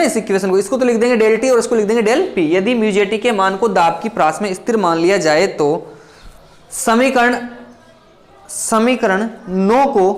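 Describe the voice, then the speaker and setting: A man teaching chemistry, dictating notes line by line and repeating key phrases, quick between the dictation. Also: sits high. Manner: talks fast between dictation. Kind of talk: blackboard lecture.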